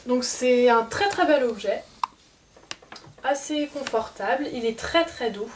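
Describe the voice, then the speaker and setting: Here's an unboxing-style vlog: a woman walks the camera through her souvenir collection, talking casually with plenty of hesitation and filler words. Her voice is fairly high and animated, her pace measured. Captured off-mic and at a distance, the clip carries faint background noise.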